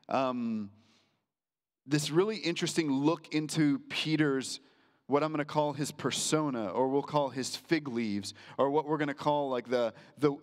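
A male pastor gives a sermon in a relaxed, chatty manner, stumbling over fillers as he goes. His voice sits fairly high for a man. It rings with a long echo in a big church hall. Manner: casual and conversational, many fillers.

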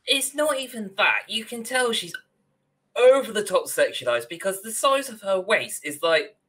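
On a video call from a room, a young man co-hosts a podcast, ranting with firm opinions about films and games in a casual way. His high-pitched, sing-song voice runs at normal speed, bright and forceful, with a slight roughness.

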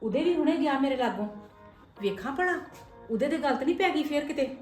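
A woman as a lamenting visiting aunt, highish voice, roomy echo. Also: lively intonation, quick pace, loud music behind the voice. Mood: worried. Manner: lamenting, talking to herself. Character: wronged, self-pitying visiting sister and mother. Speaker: visiting aunt in a family skit. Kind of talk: comic family skit acting. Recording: echoey room, voice from a distance.

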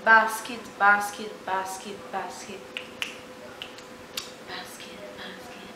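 A woman hosting a casual song association game, laughing loudly and breaking into song. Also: medium pitch, level tone, slow pace. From Caribbean. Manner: laughs loudly, bursts into singing. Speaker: host. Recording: echoey room with background noise.

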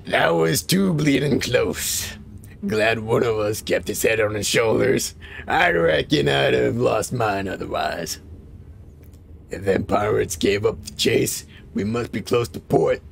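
A man voicing a gruff, rough-talking male sailor who drawls coarse slang while reading game dialogue aloud. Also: medium pitch, unhurried, a little hiss or hum.

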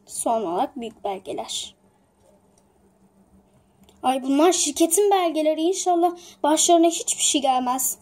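An anxious young office worker, played by a woman, in a homemade toy drama. The voice sits very high and squeaky. She grows frantic and tearful when things go wrong. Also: animated, moderate pace, pauses often, a little mellow. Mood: calm. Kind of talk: toy-figure home drama.

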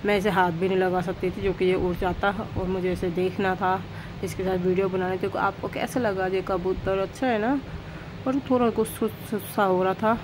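A woman in her thirties who vlogs her travels talks to a pigeon in coaxing baby talk, mixed with casual narration, while filming outdoors at night next to a parked tractor on a bus trip. Using a hand-held phone camera, she speaks at a moderate pace in a mid-range, level voice over background noise.

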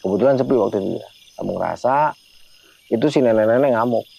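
Gravelly man telling a spooky story. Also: lowish voice, quick pace, muffled recording. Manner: slangy, keeps addressing the listener by name. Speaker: storyteller guest. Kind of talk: casual spoken horror story.

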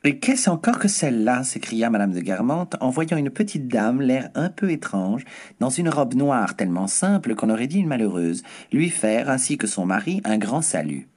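A man reading a literary passage aloud with lively, storytelling expression. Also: mid-range voice, normal speed.

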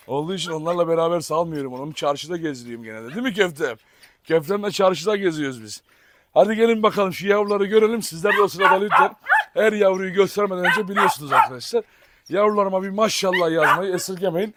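Lively high-voiced man vlogging. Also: very noisy. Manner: lively, switches between chatting to viewers and coaxing dogs. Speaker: dog farm owner and vlogger. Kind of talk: casual vlog talk to viewers and dogs. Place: outdoors at a dog farm.

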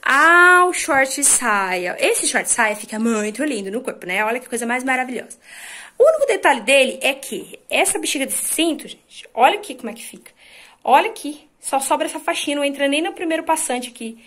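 A woman's voice: sits high, brisk. A woman in her thirties from Brazil, a fashion vlogger chatting casually about her shopping haul in a small room at home. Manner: chatty, lively, showing clothes to viewers. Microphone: camera at a short distance, then phone held at a mirror.

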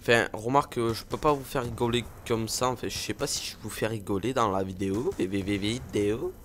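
A man's voice: medium pitch, fairly even intonation, quick pace, fairly bright tone, a little hiss or hum. A young man giving rambling, playful live commentary over a video game, with lots of fillers and jokes at his own expense. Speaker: gaming video host.

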